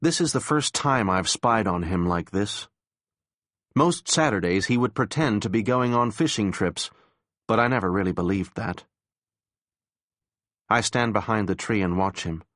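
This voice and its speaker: A man narrating an audiobook in a measured, somber manner. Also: fairly low pitch, fairly bright tone, no room sound, clean studio sound. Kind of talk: scripted narration.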